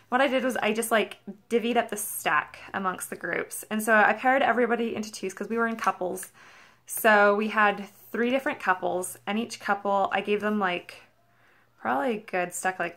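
A woman's voice: mid-range voice, gravelly. A young American woman chatting casually to camera in a rambling review, peppering her story with filler likes. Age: young adult. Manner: rambling, animated storytelling with frequent "like". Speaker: vlogger reviewing a product. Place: carpeted living room at home.

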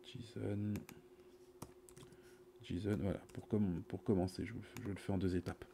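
A middle-aged man talks through his programming in a slow, low voice, casually and haltingly, often muttering to himself. The sound is that of a cheap USB mic, with faint noise and keyboard typing behind him. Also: flat delivery, creaky, dark tone. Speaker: programmer giving a live coding demonstration. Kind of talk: casual, improvised coding commentary. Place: small indoor room at a computer. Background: computer keyboard typing.

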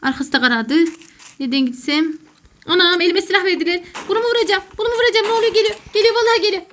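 High, rapid-fire woman gamer. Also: fairly bright tone, a little hiss or hum. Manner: jokey, panicky and chattering. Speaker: gaming YouTuber, self-styled gamer mom. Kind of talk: let's play commentary.

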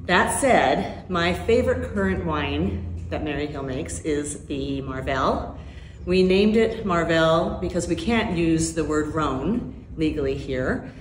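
A middle-aged Hawaiian woman who co-owns a winery speaks enthusiastically and descriptively to the camera in a promotional piece, standing at a wooden bar in the tasting room. Her low voice moves slowly with lively intonation. The camera is a few feet away, the room echoes, and there's a little hiss or hum.

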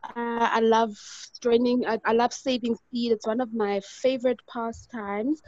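A woman's voice: on the high side, little pitch movement, measured pace, a little mellow, no room sound, highs cut off. A woman joining an online workshop as a participant, polite and eager, a little hesitant. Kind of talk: casual chat on a video call.

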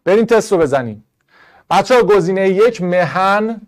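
Brisk male Arabic teacher lecturing. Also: sits high, expressive. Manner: brisk, explaining step by step to students. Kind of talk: online class lecture.

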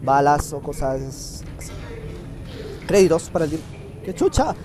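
Chilean young man, stuffy nasal cold voice, high and very animated, crude jokey let's-play chatter with yelled curses, loud game music behind. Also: unhurried. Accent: Chilean Spanish. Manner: crude, joking, bursts into loud swearing yells. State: has a cold, slightly nasal. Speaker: gameplay commentator. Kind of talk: casual let's-play commentary.

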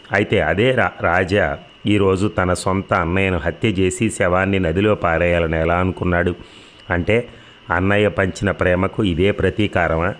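Middle-aged guy reading a story out loud, deep low voice, steady pace. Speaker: narrator. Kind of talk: scripted story narration.

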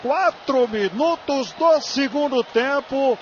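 A Brazilian man giving explosive football goal commentary, with shouted, drawn-out exclamations. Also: extremely high pitch, expressive. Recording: dull broadcast audio with loud stadium noise.

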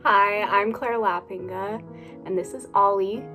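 A woman from California speaking in a relaxed way about music. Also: mid-range voice, a little slow, muffled recording. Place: bedroom at home.

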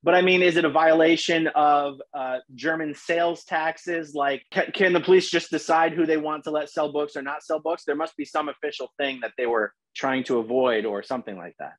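A man's voice: on the high side, moderate pace, hardly any pauses, dry recording. Man asking probing follow-up questions. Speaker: host and interviewer. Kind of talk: conversational interview questions. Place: living room, on a leather couch, indoors. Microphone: video call, laptop camera mic.

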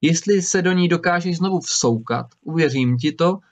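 A man doing a fearless, high-voiced young student. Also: natural voice. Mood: bold. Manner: fearless, quick-witted. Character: bold, clever young male student. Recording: slightly dull recording.

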